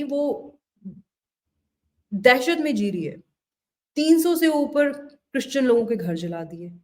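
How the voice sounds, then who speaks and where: A woman delivering pointed political commentary in a fairly high voice. She sounds indignant and argumentative, and she slips English phrases into her speech. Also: darkish tone. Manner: indignant, mixes Hindi-Urdu with English. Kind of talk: opinion commentary to camera.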